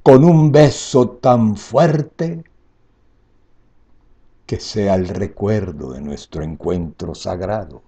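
A man in his seventies declaiming poetry in a grand, dramatic manner, with slow phrasing that swells in emphasis and falls away softly, in a husky, gravelly voice. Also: lowish voice. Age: 70s. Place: indoor room at home.

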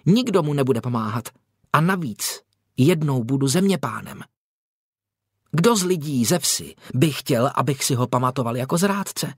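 A man's voice: mid-range voice, animated, slightly rough, no room sound, studio quality. A man voicing a proud, wary teenage heir who talks in a brusque, growling way, for an audiobook. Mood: scornful. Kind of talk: audiobook character voice.

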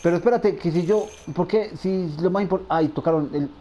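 A man's voice: sits high, moderate pace, dark tone, slight background noise. A man giving frantic let's-play commentary, talking to himself and repeating words. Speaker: gamer.

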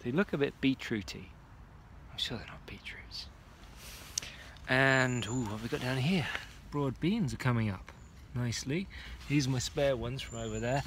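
A man in his forties talks casually into a phone held at arm's length, pottering around an allotment outdoors. His tone is chatty and self-muttering, with faint outdoor ambience and distant traffic behind him. The pitch sits in an ordinary middle range for a man. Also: moderate pace, fairly bright tone. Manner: chatty, muttering to himself as he works. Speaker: vlogger. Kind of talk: casual walk-and-talk vlog. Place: outdoor garden allotment at dusk. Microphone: phone camera at arm's length.

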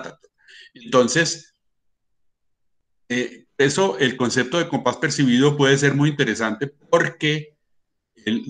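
A man's voice: mid-range voice, a bit bright. Colombian man explaining music theory. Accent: Colombian Spanish. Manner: explanatory, sings rhythms in syllables, many fillers. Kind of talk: online lecture.

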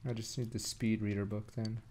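A young man streaming a video game, reading its dialogue aloud and reacting in a brash, profane and excitable way while mocking his chat. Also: lowish voice, fairly quick, slight background noise. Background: faint game music.

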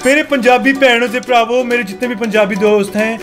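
A young man makes playful pilot cabin announcements, welcoming passengers and dropping his voice into a mock captain's tone. His natural voice sits very high for a man. Music plays underneath. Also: a little fast, a bit bright. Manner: playful, lowered announcer tone, joking. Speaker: vlogger. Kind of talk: mock pilot cabin announcements while playing a flight game.

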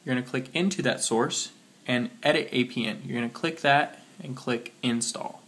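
A man's voice: medium pitch, normal speed, fairly bright tone. A man with a mid-range voice hosts a casual how-to for a phone. He sounds sick and slightly muffled. He talks while he works, going step by step and carefully spelling things out. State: sick with a cold. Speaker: tutorial host.

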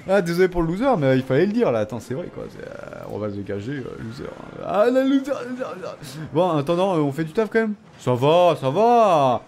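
A man giving animated gameplay commentary, teasing and self-mocking, often laughing and bursting into excited shouts. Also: fairly high pitch, fairly quick, a little hiss or hum. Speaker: gamer commenting his own matches.

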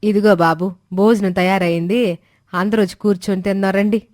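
A man's voice: high voice, steady tone, fairly quick, no echo, studio quality, voice pushed up, close to an everyday voice. A man voicing a kindly, hospitable middle-aged village mother-in-law in a storybook tale, with fond, homely speech. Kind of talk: storybook character voices.

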